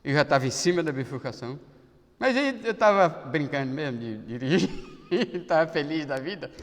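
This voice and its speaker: A man's voice: on the high side, lively intonation, normal speed, long reverb tail. A man with a Brazilian Portuguese accent, a pastor giving a sermon in a folksy, chatty way with asides.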